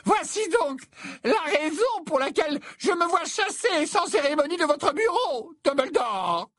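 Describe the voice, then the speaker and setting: A man's voice: very high-pitched, big pitch swings, measured pace, a bit bright, no echo, voice pushed up, full character voice. A man voicing an eccentric female divination teacher who speaks in a theatrical, melodramatic, wounded way.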